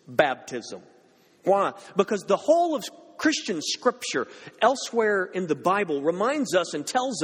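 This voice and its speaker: Male pastor, sermon, husky, lively rising and falling delivery, long hall reverb. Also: high voice. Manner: emphatic, rhetorical questions to the congregation. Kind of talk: expository sermon.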